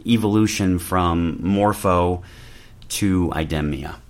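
A man with a very low voice hosts a casual podcast interview. He talks in a relaxed, chatty way, putting friendly questions to his guest. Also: takes it slowly. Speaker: podcast host.

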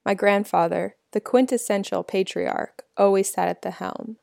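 A woman's voice: mid-range voice, steady tone, normal speed, creaky, a little mellow, no echo, clean studio sound. A woman hosting a podcast, telling a reflective story in scripted narration. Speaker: podcast host.

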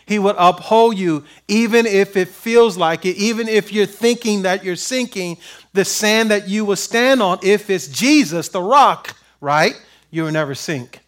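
Male pastor, high voice, emphatic call-and-response preaching. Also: measured pace. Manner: call-and-response questions, rising to emphatic peaks. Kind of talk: sermon.

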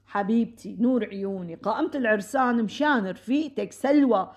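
Actress as a busybody Syrian matchmaker neighbor; slightly high, theatrical, rapid patter for a comic audio play. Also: female voice, lightly acted. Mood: bossy. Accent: Syrian Arabic. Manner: rapid, theatrical, talks over others. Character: chatty meddling middle-aged matchmaker neighbor woman. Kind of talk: comic radio-play acting.

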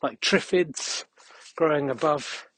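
A man's voice: fairly high pitch, slow, fairly bright tone, dry recording. A man hosting a podcast as a casual, rambling monologue while walking outdoors on a country path. He is out of breath and adds dry, jokey asides. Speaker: podcast host.

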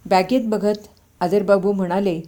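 A woman reading a short story aloud as a storyteller, in steady narration with the characters' lines spoken in quotes. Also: mid-range voice, moderate pace.

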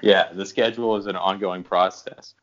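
A man's voice: deep voice, steady tone, normal speed. A man hosting a podcast in casual chat, joking and laughing as he talks. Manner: jokey and laughing. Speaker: podcast host. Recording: dull lo-fi sound.

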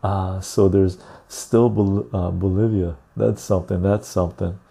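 A man hosting a casual live stream into a clip-on lapel mic, chatting to viewers in a chill, husky, gravelly voice. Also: low-pitched, steady tone, mellow. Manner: chill, unhurried talk addressed to viewers. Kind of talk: casual livestream chat.

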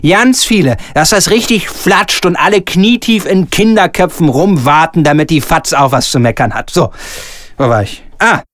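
A man reading aloud and voicing a pompous, bullying theatre director who swings between sugary coaxing and shouting. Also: a little high, moderate pace, close to an everyday voice. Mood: ranting, wheedling. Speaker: stage director. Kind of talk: solo reading of a comic radio scene.

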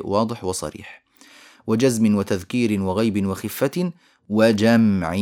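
A man with an Egyptian Arabic accent teaches in a lecture at a middle pitch. He explains step by step, putting questions to his listeners and answering them himself. Lines of verse are chanted slowly and key phrases repeated. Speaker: teacher explaining a poem on Quran recitation. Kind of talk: recorded lecture.

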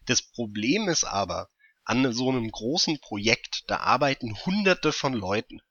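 A man's voice: medium pitch, sing-song, normal speed, pushed and bright, no echo, muffled recording. A man co-hosting a casual gaming podcast, explaining his points through hypothetical scenarios. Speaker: podcast co-host.

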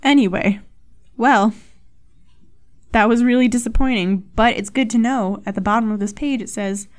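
Her pitch sits fairly high and she talks at a moderate pace. This solo podcast host is a young woman whose casual chatter wanders, mocks herself, and is full of swearing.

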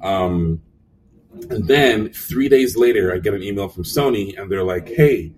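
A young man with a low, deep voice tells stories as an interview guest. He acts out conversations and talks with plenty of fillers. He sounds a little away from the mic, with faint noise in the room. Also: measured pace, far from the mic. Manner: animated storyteller, acts out quotes, frequent fillers. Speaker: animation supervisor guest. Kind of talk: casual storytelling interview.

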